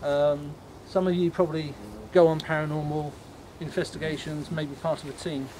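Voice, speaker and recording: A man leading a ghost tour, explaining things informally to a group in a halting, matter-of-fact way. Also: on the high side, little pitch movement, darkish tone. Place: on a night walking tour, in the dark. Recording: noisy outdoor night recording.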